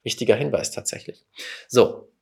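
A man hosting a self-help podcast, telling a personal story in an earnest, confessional way that swings between quiet and emphatic. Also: mid-range voice, moderate pace, gravelly. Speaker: podcast host and coach.

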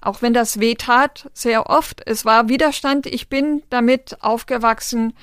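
A woman being interviewed responds with earnest, measured answers, pausing on little fillers to gather her thoughts. Her voice, a little high, smooth, and clear, keeps a steady tone, and the close, dry recording has no echo.

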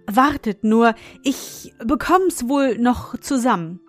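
A woman voicing a small, gleeful male fire goblin with a rasping, squawking voice in a spoken fairy tale. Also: on the high side, animated, slow, soft background music, voice pushed up. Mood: sing-song, gleeful.

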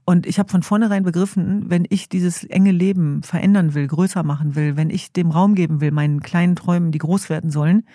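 A woman's voice: lowish voice, fairly even intonation, a little fast, hardly any pauses, warm tone, no room sound, studio quality. A middle-aged woman, a guest in an interview, telling her story in an earnest, reflective way. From Germany. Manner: earnest, storytelling, acts out quoted family voices.

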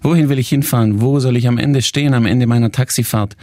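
A man's voice: medium pitch, steady tone, fast, mellow, dry recording, clean studio sound. A male coach speaking to viewers, talking in strings of questions and explaining his points. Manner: talks in strings of questions, acts out people's vague answers. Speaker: coach and trainer.

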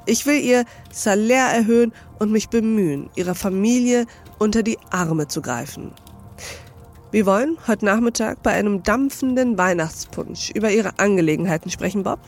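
A woman reading aloud voices an old male moneylender, gruff and commanding, later hearty, for a storybook reading. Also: medium pitch, moderate pace, faint music behind, natural voice.

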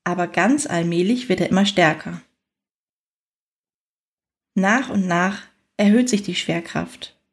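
A guided meditation narrator with a fairly low-pitched, soothing voice leads a scripted relaxation in the form of a guided fantasy journey. She speaks slowly and unhurriedly, leaving long pauses between phrases.

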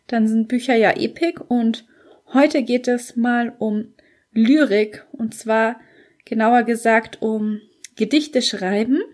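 A woman hosting her podcast, speaking in an enthusiastic, gushing way with fillers. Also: a little high. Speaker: podcast host and author. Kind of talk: casual podcast intro monologue.

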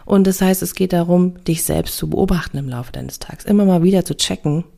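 With a fairly low pitch and a dark, creaky tone, a woman talks a little quickly as a parenting coach and podcast host. Her manner is easygoing and reassuring, full of fillers like "ja" and "ne."

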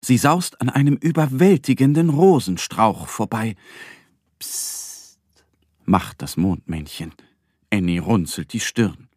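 Slow, gentle male storybook narrator. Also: on the low side, husky, dry recording, studio quality. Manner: slow, gentle, expressive bedtime reading.

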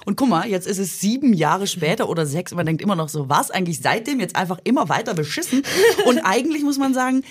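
Brief: Cologne-accented woman, middle-aged podcast co-host, relaxed chat, quick laughs. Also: medium pitch, husky. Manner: laughs often, loose and chatty. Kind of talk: casual chat.

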